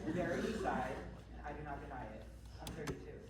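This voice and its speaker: A man's voice: a little high, a little fast, lightly acted. A man playing a wry, proud dancer. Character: proud, dry-humored man dancer in his thirties. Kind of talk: live stage musical acting. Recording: distant echoey stage recording with loud noise.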